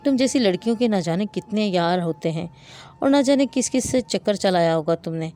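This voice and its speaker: A woman's voice: mid-range voice, lively intonation, soft background music, close to an everyday voice. A woman voicing an angry, jealous husband who hurls accusations, in a spoken story. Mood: accusing. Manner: shouting accusations.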